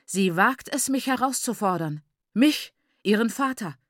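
A woman voicing an enraged, domineering middle-aged father who shouts and berates his daughter. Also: fairly high pitch, lively intonation, a little slow, no echo, studio quality. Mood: threatening.

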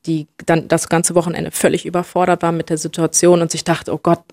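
A young woman from Germany, speaking reflectively as an interview guest and often pausing to search for words. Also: lowish voice, monotone, gravelly, a little mellow, no room sound. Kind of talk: personal interview conversation.

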